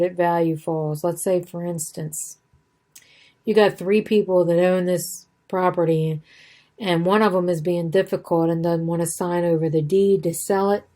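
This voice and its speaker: A woman with a lowish, dark voice teaches real estate exam material in a casual study-guide lesson. She's conversational, repeats points, corrects herself, and says she's losing her voice.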